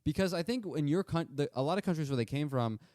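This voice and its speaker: A man's voice: fairly high pitch, fast, no echo, studio quality. A man co-hosting a podcast, telling a story in casual chat and acting out the quoted lines. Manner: animated, acts out quotes in put-on voices. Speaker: podcast co-host.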